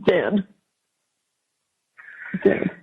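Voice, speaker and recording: A mother speaking haltingly and carefully on a recorded jail payphone call, with a husky voice. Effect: jail payphone call line. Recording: dull recorded phone call.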